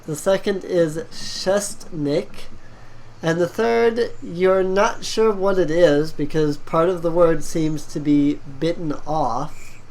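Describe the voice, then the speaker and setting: Slow, low-voiced woman game master. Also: fairly even intonation, darkish tone. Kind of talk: narrating a tabletop game. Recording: noisy home recording.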